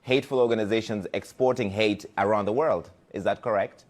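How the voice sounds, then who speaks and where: A man's voice: on the low side, steady tone, fairly quick. A man working as a news interviewer, challenging his guest with pressing, pointed questions.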